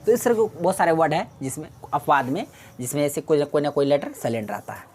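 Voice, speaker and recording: A woman's voice: sits low, lively intonation, fast, darkish tone, a little hiss or hum. A woman teaching an exam-prep English lesson, explaining patiently, repeating key words and answering her own questions.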